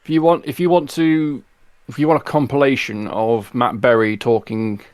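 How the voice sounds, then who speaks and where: Measured man, mid-pitched and dry. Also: flat delivery, a little mellow, no room sound. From England. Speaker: podcast co-host. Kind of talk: casual chat.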